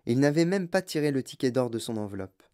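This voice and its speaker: A male narrator reading a children's story aloud. His delivery is expressive and steady, at a middle pitch. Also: quick pace, clear, resonant tone. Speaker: audiobook narrator. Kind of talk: scripted narration.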